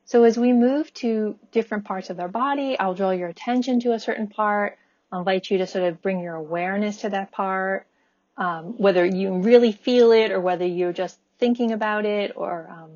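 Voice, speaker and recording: A woman leading a guided body scan meditation, speaking in a gentle, unhurried, inviting way. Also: medium pitch, lo-fi sound. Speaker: meditation teacher.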